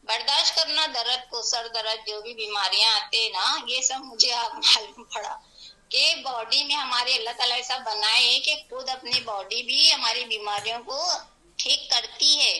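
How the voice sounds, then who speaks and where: A middle-aged woman with a Hyderabadi Urdu accent recounts her own experience to an interviewer. Her voice is very bright and sits a little high. She tells it animatedly, acting out what others said and calling on God often. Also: moderate pace, rough recording. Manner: animated, vivid retelling with voiced quotes; devout, invokes God often. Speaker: interview guest. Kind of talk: personal storytelling.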